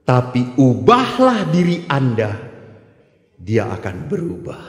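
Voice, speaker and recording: A priest delivering a sermon, telling stories and acting out both sides of the dialogue. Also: male voice, mid-range voice, wildly swooping pitch, takes it slowly. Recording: echoey hall recording.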